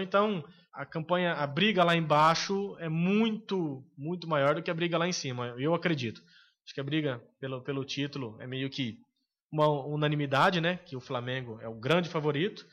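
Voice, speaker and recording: Slightly high Brazilian man, opinionated. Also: a bit bright, highs cut off. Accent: Brazilian Portuguese. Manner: opinionated, hesitant with frequent filler pauses. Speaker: podcast co-host. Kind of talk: casual sports chat.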